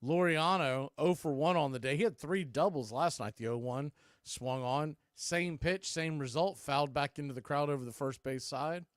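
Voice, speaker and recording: On clean, echo-free studio audio, a man with a slightly high voice calls live baseball play-by-play for radio at a moderate pace. He talks in clipped, punchy phrases.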